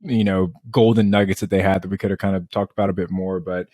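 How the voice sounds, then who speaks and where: A man's voice: deep voice, flat delivery, fast talker, mellow, dry recording, studio quality. A man co-hosting a podcast interview, talking enthusiastically and often repeating words. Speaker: podcast co-host.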